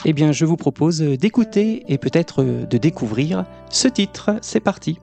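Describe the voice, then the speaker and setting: A man's voice: on the high side, animated, normal speed, vocal fry, warm tone, soft background music. A man hosting a radio interview, asking questions politely and a little hesitantly. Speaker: interview host.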